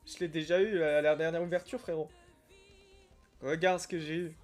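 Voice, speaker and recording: A young man chatting casually on a live stream while opening trading card packs, reacting with excitement and greeting viewers by name. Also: on the high side, moderate pace, faint music behind. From Algeria. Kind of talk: casual live-stream chat reading comments.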